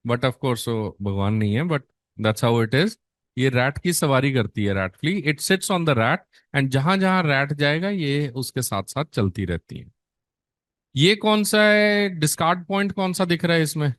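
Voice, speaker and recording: Slow-spoken male nursing tutor. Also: fairly high pitch, expressive, fairly bright tone, dry recording, studio quality. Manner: coaxing, quizzes students and answers himself, calls them beta. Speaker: nursing exam teacher. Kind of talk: classroom lecture mixing Hindi and English.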